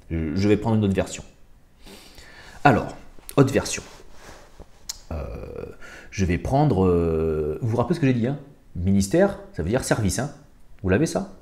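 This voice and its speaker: A man's voice: on the low side, warm tone. A man hosting his own channel, talking casually and thinking aloud as he looks up and compares scripture passages. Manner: colloquial, thinks aloud while looking up verses. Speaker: channel host. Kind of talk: casual spiritual commentary monologue.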